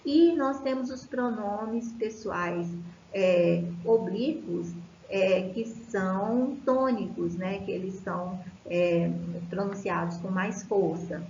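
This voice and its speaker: A Brazilian woman teaching a recorded lesson, explaining slowly with many fillers and restarts. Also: medium pitch, a little mellow, echoey room, highs cut off, slight background noise. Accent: Brazilian Portuguese.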